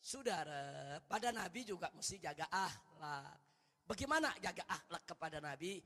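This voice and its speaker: A man preaching a fiery sermon. He shouts rebukes and drops low and soft for prayers, often calling his listeners "brothers" and asking them questions. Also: expressive, moderate pace, in a large hall. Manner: addresses listeners as "saudara" with rhetorical questions.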